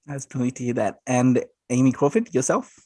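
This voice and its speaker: A man's voice: medium pitch, big pitch swings, brisk, creaky, mellow, no room sound, studio quality. A man hosting a casual video-call interview, upbeat with short reactions. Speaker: host.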